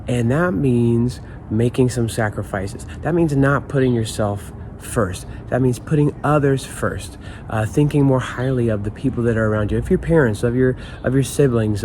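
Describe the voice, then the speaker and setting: A man's voice: mid-range voice, moderate pace, mellow, slight background noise. A man speaking as an upbeat, informal youth pastor, giving a casual devotional talk.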